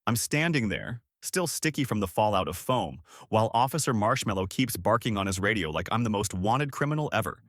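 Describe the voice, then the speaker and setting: Wry, lively male storyteller. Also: on the low side, fairly quick, few pauses, no room sound, studio quality. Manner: wry and sarcastic. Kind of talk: scripted first-person narration.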